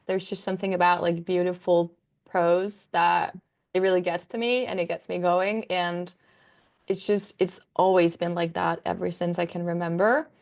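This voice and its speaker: A Danish woman in her twenties, a native speaker and book content creator, chats casually about books as a guest, with frequent "ums" and "likes." Her voice is fairly low and gravelly, her delivery flat, and her speed normal.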